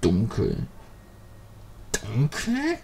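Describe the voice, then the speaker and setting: A man's voice: mid-range voice, huge pitch swings, drawn-out words, gravelly, darkish tone, slight background noise. A man hosting a Let's Play, commenting on the game with jokey, rambling free association. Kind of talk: joking gameplay commentary.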